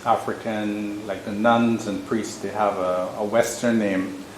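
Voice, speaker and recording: Man, interviewer, friendly plain questions, lowish voice, echoey room. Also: flat delivery, unhurried, a little hiss or hum. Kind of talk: parish interview. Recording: roomy echo with faint background ambience.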